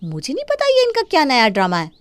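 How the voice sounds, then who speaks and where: A woman's voice: high voice, huge pitch swings, quick pace, dry recording, voice pushed up. A woman voicing a defiant young daughter-in-law who talks back and mocks in a cartoon. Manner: mocking, talking back.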